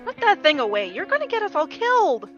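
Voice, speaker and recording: A woman playing a bossy, sharp-tongued young rebel princess in a table read of a space adventure script. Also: very high voice, big pitch swings, fast, exaggerated voice. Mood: scolding. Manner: commanding, urgent. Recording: dull, lo-fi audio with music.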